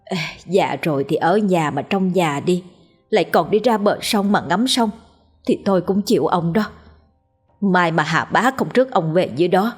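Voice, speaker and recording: A woman voicing an old village wife in a ghost story, with a husky voice. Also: lowish voice, expressive, moderate pace, faint music behind. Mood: scolding.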